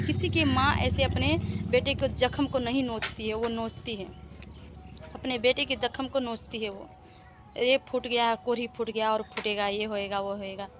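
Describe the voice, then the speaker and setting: A young woman with a Bihari Hindi accent, vlogging in a plaintive, indignant way on a handheld phone as she walks through her family house and rooftop. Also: high-pitched. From Bihar, India. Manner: plaintive, indignant, pleading to viewers. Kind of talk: aggrieved personal vlog.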